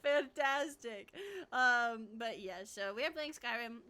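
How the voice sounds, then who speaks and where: A woman with a high, very bright voice streams a game and chats casually. She sounds cute and bubbly, like an anime streamer, with a giggly, self-deprecating way of talking. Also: animated, a little slow, clear, resonant tone. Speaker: streamer, VTuber. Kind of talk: casual livestream gaming chat.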